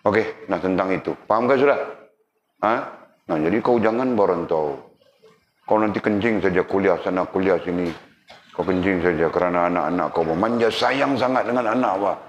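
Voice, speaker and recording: A man's voice: low-pitched, normal speed. A man giving a religious lecture, teasing and addressing his audience directly. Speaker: religious teacher. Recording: roomy, dull lo-fi, faint background noise.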